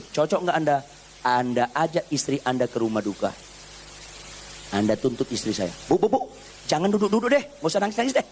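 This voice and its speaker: A man preaching a sermon, acting out everyday stories and dropping into casual slang. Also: a little hiss or hum. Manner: animated preaching, acts out anecdotes with quoted voices, swings from low to loud; informal Jakarta slang mixed in. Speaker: pastor.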